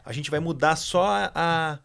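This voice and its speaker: A man's voice: on the high side, a little slow, creaky, fairly bright tone, clear, resonant tone. A Brazilian man hosting a podcast who asks clarifying questions in casual conversation. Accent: Brazilian Portuguese. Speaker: podcast host. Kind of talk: conversational interview.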